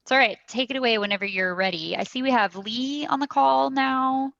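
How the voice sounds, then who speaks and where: Woman, event host, chatty, upbeat, bright, dry muffled call sound. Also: high voice, fairly quick, vocal fry, no room sound. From United States. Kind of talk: casual video call chat. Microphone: video call.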